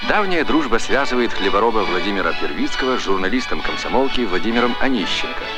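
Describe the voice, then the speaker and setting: A man's voice: on the low side, big pitch swings, fast talker. A man giving formal, declamatory announcer narration in the style of an old newsreel. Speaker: documentary narrator. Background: music score.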